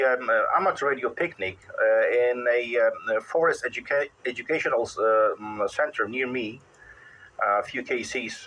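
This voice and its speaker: A middle-aged amateur radio operator with a Polish accent chats casually, his speech halting, wry and rambling. His medium-pitched voice sounds pushed and bright, though the audio itself is dull.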